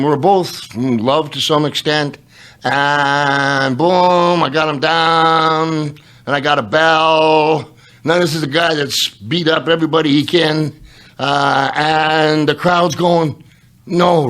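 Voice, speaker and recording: A rambling, animated wrestler-turned-podcast-host man. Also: a little high. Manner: animated, rambling storyteller with many restarts. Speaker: former pro wrestler. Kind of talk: casual interview chat.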